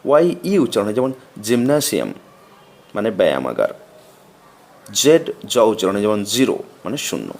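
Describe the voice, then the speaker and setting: Guy reading out a grammar lesson slow and steady, bengali first language, voice bounces up and down a lot. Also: on the low side. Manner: slow, methodical recitation of letters and meanings. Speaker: teacher.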